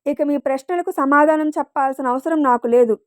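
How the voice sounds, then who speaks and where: A woman's voice: sits high, brisk, no echo, clean studio sound, natural voice. A woman voicing a proud, arrogant wealthy mother in a storybook reading, talking down to everyone. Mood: haughty. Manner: haughty, arrogant.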